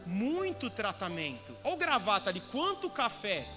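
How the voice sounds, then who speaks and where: A man preaching as a pastor in a casual storytelling sermon, animated and slangy, mimicking members of his church in quoted asides. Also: sits high, moderate pace, music in the background.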